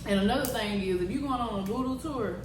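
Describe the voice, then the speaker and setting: A woman's voice: on the high side, fast. An American woman chatting casually while she eats, slangy and often agreeing with mm-hmms. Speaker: mukbang vlogger. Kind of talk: casual chat while eating. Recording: roomy, distant mic, clear background noise.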